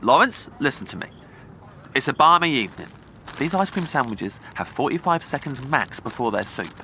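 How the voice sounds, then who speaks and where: A man's voice: mid-range voice, big pitch swings, normal speed, pushed and bright, slight background noise. An actor playing a naive, flustered, earnest man who rambles, in an audio comedy. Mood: earnest pleading. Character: naive, cheerful, flustered man obsessed with treats.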